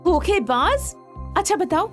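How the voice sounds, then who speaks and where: An actress dubbing an eager young woman in love in a film, full of excited questions. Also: extremely high pitch, measured pace, faint music behind, exaggerated voice. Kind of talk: dubbed film dialogue.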